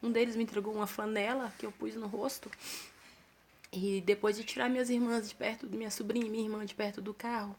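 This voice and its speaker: A young Brazilian woman tells a personal story straight to camera, earnest and plain, sometimes stumbling and repeating words. Her voice has a gravelly, creaky edge at a medium pitch. A faint noise sits under the recording. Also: level tone, quick pace, darkish tone. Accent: Brazilian Portuguese. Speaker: vlogger telling her own story.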